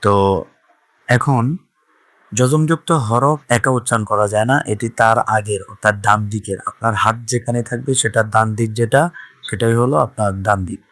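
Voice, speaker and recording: A man's voice: fairly low pitch, moderate pace, fairly bright tone, dry recording. A man teaching Quran reading in a patient spoken lesson, spelling out letters one by one and repeating each sound.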